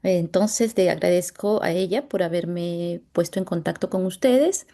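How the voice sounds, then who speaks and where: This dermatologist, a Latin American woman with a Latin American Spanish accent, talks through a clinical case on a video call. Her gravelly, dark, mellow voice runs on the low side, and she halts frequently, stopping to find her words.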